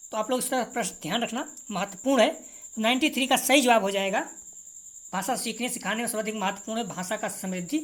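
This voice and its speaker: A woman's voice: fairly high pitch, fairly bright tone. A woman teacher reads exam multiple-choice questions and answers, repeating each correct answer and informally to her students. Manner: informal, addresses students directly.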